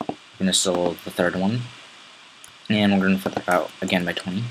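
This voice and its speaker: Low-voiced raspy man teaching software. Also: flat delivery, a little fast, background noise. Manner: casual, rambling step-by-step instructions. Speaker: tutorial host. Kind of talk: screen-recorded software tutorial.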